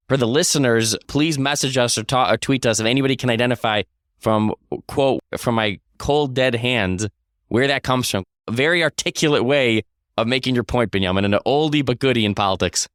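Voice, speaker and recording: A man's voice: medium pitch, fast, a bit bright, no echo, clean studio sound. A man co-hosting a political podcast, talking confidently and with emphasis. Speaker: podcast co-host.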